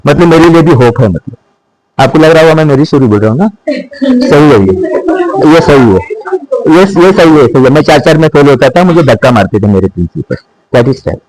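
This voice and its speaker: A middle-aged man, a school principal, talking to teachers in a mix of Hindi and English, slowing down to stress short English maxims. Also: mid-range voice, very animated, darkish tone, poor audio. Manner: mixes Hindi with English maxims, slows for emphasis. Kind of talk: speech to teachers.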